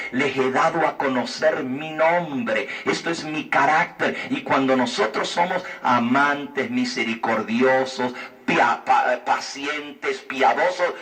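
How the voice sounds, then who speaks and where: Man, Bible teacher, slow and persuasive, slightly higher voice, recorded a little off-mic. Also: sharp tone, far from the mic. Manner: earnest, persuasive, with rhetorical questions. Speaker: Bible teacher answering a viewer's question. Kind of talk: explanatory religious talk.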